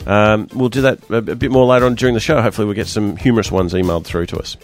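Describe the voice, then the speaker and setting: An Australian man with a croaky, hoarse voice hosting a radio show in a casual, chatty, joking way. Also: fairly low pitch, steady tone, rapid-fire, faint music behind. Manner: chatty, loose, jokey banter. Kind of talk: casual panel-show presenting.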